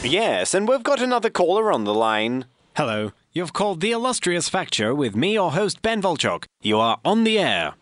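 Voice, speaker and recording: Deadpan, lively-pitched comedy show host. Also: male voice, moderate pace, soft background music. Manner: deadpan, mock-formal announcer. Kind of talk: scripted comedy radio hosting.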